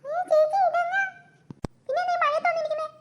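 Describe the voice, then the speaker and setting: A woman voicing a caring, excitable little sister in a cartoon, fussing in a squeaky voice. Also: fast talker, highs cut off. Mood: worried. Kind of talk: Malayalam cartoon dubbing.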